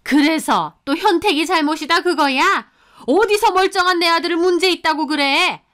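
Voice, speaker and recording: A woman voicing a bossy, harsh middle-aged mother-in-law in a radio drama, talking in a sharp, scornful way. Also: very high voice, normal speed, voice pushed up. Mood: scolding. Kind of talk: Korean story radio drama.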